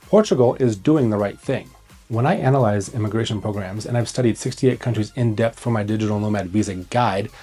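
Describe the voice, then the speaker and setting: Faint music sits under this online video, where an immigration consultant acting as host gives scripted advice. His voice is mellow, slightly husky and on the low side, and he hammers home blunt, urgent, emphatic lines in short punchy phrases.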